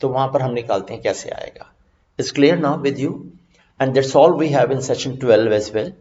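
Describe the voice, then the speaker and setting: A man teaching vocabulary in an online lesson, mixing Hindi and English, reading English definitions slowly and then explaining them quickly. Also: medium pitch, a little mellow, muffled recording.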